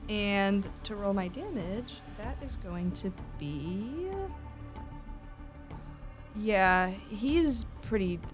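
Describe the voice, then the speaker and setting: A woman's voice: medium pitch, expressive, drawn-out words, over music. Playful woman playing a tabletop game. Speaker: player. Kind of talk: casual tabletop game chat.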